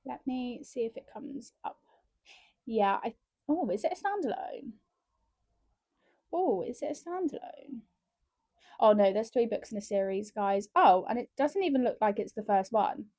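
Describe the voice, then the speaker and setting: Chatty, excitable woman book vlogger. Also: fairly high pitch, moderate pace, pauses often, no room sound. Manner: chatty and excitable, keeps addressing viewers as guys. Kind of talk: casual vlog chat. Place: room at home with window open.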